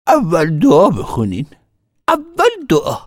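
A man putting on a shrill old granny, scolding, screechy, pitch jumps all over. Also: wildly swooping pitch, no room sound, studio quality. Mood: insistent. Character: shrill fiery old grandmother, scolding and pious.

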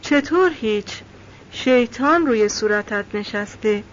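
An anxious young villager pleading with his friend out of worry, read by a woman narrating a novel. His voice is a bit high. The recording is slightly dull, with faint background hiss. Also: expressive, lightly acted. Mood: worried pleading.

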